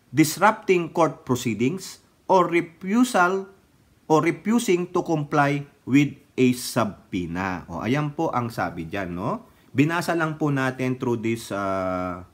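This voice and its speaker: A man's voice: mid-range voice, a bit bright. A man from the Philippines giving casual political commentary, mocking his targets, laughing often and using polite fillers.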